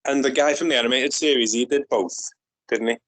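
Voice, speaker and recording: A man's voice: medium pitch, fast talker, fairly bright tone, dry recording, low-quality recording. A man co-hosting a podcast in a laid-back, casual chat, swearing freely, his voice run through a robot filter. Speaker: podcast co-host.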